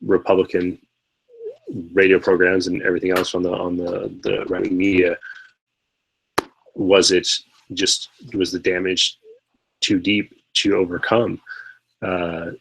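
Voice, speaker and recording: A man's voice: deep voice, flat delivery, unhurried, gravelly, long pauses, a little hiss or hum, low-quality recording. A man co-hosting a live podcast, talking politics in a rambling way with many fillers and restarts. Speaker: podcast co-host. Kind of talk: casual political discussion.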